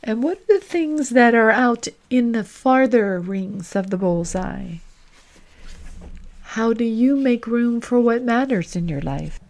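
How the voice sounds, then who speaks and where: With a fairly high pitch, this woman leads a guided reflection the way a podcast host might. Her delivery is soft and unhurried, broken up by long reflective silences.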